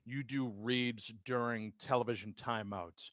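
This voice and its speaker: This time the American podcast guest from Massachusetts, who works as a sports public address announcer and radio host, speaks in a steady, mid-range voice that is a little slow and fairly bright. He tells conversational stories about his working life in a casual interview, and the sound is very dry.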